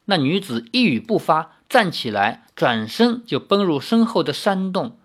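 A man reading a fantasy novel aloud as storyteller, in an expressive way. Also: on the high side, unhurried.

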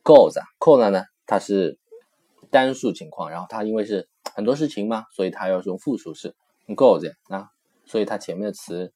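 A man's voice: lowish voice, animated, moderate pace, mellow. A man teaching a language lesson. He explains patiently, repeats each phrase several times and compares words with English. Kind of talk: recorded textbook lesson explanation.

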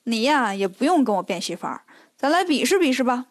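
A scornful male demon king taunts his foe, as a woman telling the story puts him on. His high voice drips with mockery, a storybook villain sure of his own strength. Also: very animated, a little fast. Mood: mocking.

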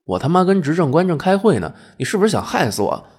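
A man's voice: fairly low pitch, lively intonation, fairly quick, a little mellow, slightly rough. A man voicing a female angel, a heavenly secretary who talks in an impatient, exasperated way and swears.

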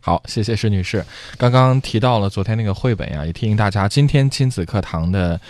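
A man hosting a radio parenting call-in show, making steady announcements and taking calls. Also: lowish voice, fairly quick. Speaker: radio host.

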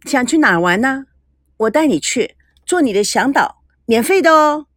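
A woman's voice: high-pitched, expressive, normal speed, fairly bright tone, no echo, pitched above the performer's own voice. A woman voicing a brash, teasing young woman in an audio story, playful and bossy. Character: brash teasing young Taiwanese woman, cheeky self-styled beauty.

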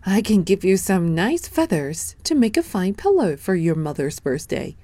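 A woman's voice: medium pitch, sing-song, normal speed, mellow, no room sound. A woman voicing a helpful goose in a children's storybook reading. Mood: friendly.

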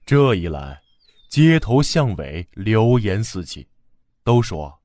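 A fairly low male voice with very lively pitch, reading a classic novel aloud to children. He tells it gently and expressively. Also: takes it slowly, no room sound, clean studio sound. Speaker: storyteller. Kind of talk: children's story narration.

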